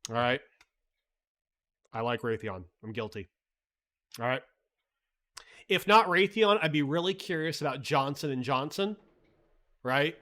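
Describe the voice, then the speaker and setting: A man with a mid-range voice and a sharp tone hosts a livestream, talking casually through the market in a lively, slightly slow way with frequent pauses. He's chatty, blunt and profane, reads the chat, and leans constantly on "like" and "right?".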